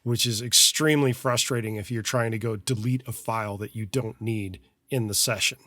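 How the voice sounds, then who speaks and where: With a lowish, steady, pushed and bright voice at normal speed, a man co-hosts a studio podcast about mixing, with no room sound. This mixing engineer talks casually and adds dry, sarcastic jabs about his fussiness over files.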